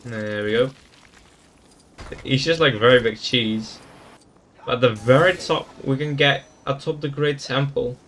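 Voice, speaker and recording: A man's voice: mid-range voice, fairly even intonation, unhurried, long pauses, a bit bright, a little hiss or hum. A man giving casual gameplay commentary, thinking aloud in an easygoing way as he explores a game. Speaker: gaming YouTuber.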